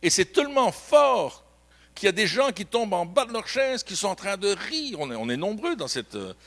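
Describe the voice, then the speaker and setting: A man with a Belgian French accent preaches in a church, slightly high-pitched for a man. His voice leaps up and down as he moves between stories and emphatic exclamations. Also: very animated, moderate pace. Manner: emphatic preaching with storytelling, rising to loud exclamations. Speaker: pastor. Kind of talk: sermon.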